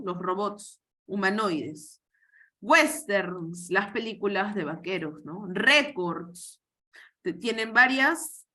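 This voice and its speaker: A woman's voice: mid-range voice, sharp tone. A woman, teaching an online workshop on spelling rules and explaining patiently step by step with frequent checks for understanding.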